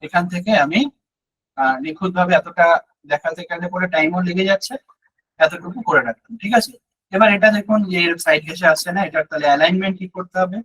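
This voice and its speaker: A man teaching web design in a live online class, talking slowly through each step and often checking that listeners follow; his voice is a little hoarse from talking a long time. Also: high voice, fairly bright tone, poor audio. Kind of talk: live screen-share tutorial.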